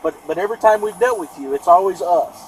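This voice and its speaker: A man's voice: high voice, fast talker, rough recording. A male police sergeant outdoors, speaking hesitantly and repeating words, recorded on a body camera. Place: outdoors on a street by a bank. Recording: body cam with clear street noise.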